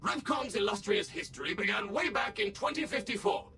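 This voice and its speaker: A too-smooth android tour guide. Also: male voice, high voice, a little fast, bright, forceful tone. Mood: polished. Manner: polished, cheery and too smooth, like a scripted android. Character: overly smooth, servile male robot tour guide. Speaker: museum tour guide robot in a video game. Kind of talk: recorded game dialogue. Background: game music.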